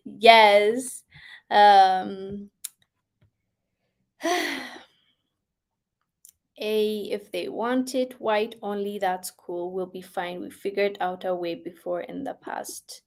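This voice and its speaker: An expressive woman hosts a casual talk, reading viewer comments aloud and answering them. Her voice sits at an ordinary middle pitch. She laughs often and moves between quiet, soft remarks and bursts of excitement. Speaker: host.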